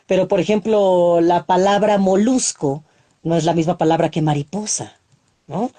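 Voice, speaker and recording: A woman's voice: fairly low pitch, moderate pace. A woman, a poet and radio announcer, reciting poems and explaining reading aloud with many demonstrations, speaking from a broadcast booth over a video call. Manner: expressive, demonstrates voice techniques, frequent "¿no?". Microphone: studio microphone, remote video call.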